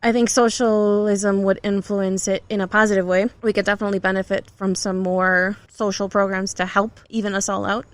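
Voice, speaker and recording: A woman's voice: mid-range voice, little pitch movement, brisk, hardly any pauses, dry recording. A young to middle-aged woman who grew up in the United States, speaking earnestly in long reflective runs as a podcast guest. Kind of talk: casual interview talk.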